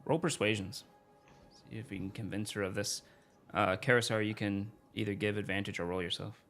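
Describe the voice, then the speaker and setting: Low-voiced male game master. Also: steady tone, a little fast, fairly bright tone, faint music behind. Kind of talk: casual tabletop game narration.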